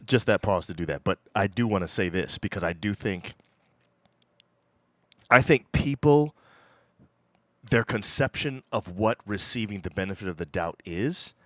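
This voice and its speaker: Male co-host, low and expressive, teasing interviewer manner, dry close mic. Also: unhurried, long pauses, dry recording. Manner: teasing, probing questions. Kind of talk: casual couple chat.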